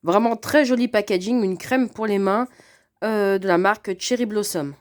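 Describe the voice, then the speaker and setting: A woman chatting casually through an unboxing of a cat subscription box, often pausing with fillers. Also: medium pitch. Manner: chatty, hesitant with frequent fillers.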